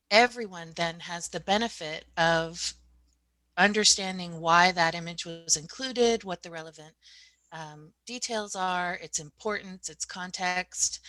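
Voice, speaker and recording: Female webinar presenter, lowish pitch, clear-cut bright tone, dry close sound. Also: no room sound, poor audio.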